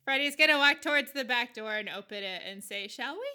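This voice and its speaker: A woman's voice: a little high, a little fast, bright, forceful tone, smooth. A woman playing a tabletop game, asking questions in a laughing way. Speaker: player.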